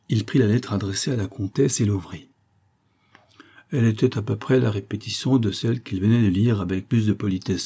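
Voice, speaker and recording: A man reading a classic novel aloud as an audiobook narrator, in a measured, literary way. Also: fairly low pitch, warm tone.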